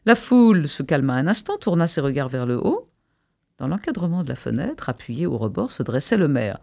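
Expressive man reading a novel. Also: a little high, brisk, vocal fry, no room sound. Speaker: radio presenter and reader.

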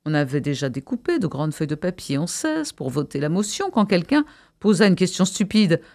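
Expressive man reading a novel. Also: a little high, brisk, no echo. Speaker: radio presenter and reader.

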